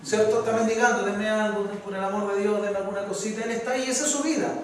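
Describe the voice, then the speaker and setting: A Chilean man preaching a sermon as pastor, his voice rising to loud, fervent peaks. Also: high-pitched, steady tone, quick pace. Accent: Chilean Spanish. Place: church hall. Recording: echoey hall from far off, faint noise.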